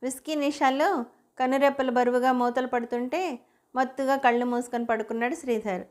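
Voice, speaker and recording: A woman reading a romantic story aloud in a steady, even narration. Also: sits high, brisk.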